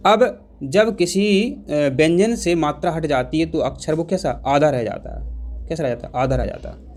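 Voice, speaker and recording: A man's voice: fairly high pitch, darkish tone, slight background noise. A man teaching an exam-prep grammar lesson, repeating key points and putting questions to the class. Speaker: Hindi teacher.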